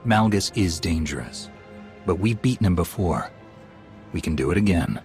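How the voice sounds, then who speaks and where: Jedi commander, low pitch, resolute, measured, earnest, video game drama, music behind. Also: male voice, lively intonation, darkish tone. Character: male Jedi commander of an alliance, calm and resolute.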